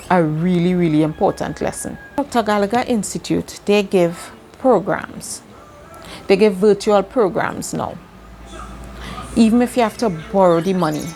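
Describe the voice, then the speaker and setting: In a warm, lowish voice with a bit of hiss or hum behind it, a Trinidadian woman hosts a self-help video. She teaches slowly and earnestly in a motivational monologue, repeating key words for emphasis.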